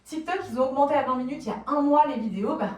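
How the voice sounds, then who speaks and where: A French woman giving a lively conference talk, explaining plainly, asking the audience questions and acting out quotes. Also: high voice, rapid-fire. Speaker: conference speaker on social media marketing. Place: conference room, recorded from a distance. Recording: roomy, distant conference recording.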